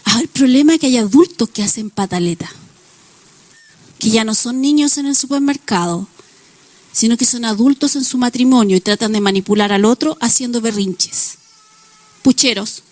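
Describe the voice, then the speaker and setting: Woman pastor, sermon, fairly high voice, everyday examples, acted quotes. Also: moderate pace, darkish tone, no echo.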